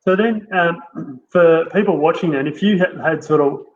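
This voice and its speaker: A man's voice: fairly high pitch, normal speed. Agreeable man on a dull lo-fi line. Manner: agreeable, musing, often ends with "right?". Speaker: interview host. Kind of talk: conversational interview. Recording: dull lo-fi sound with faint noise.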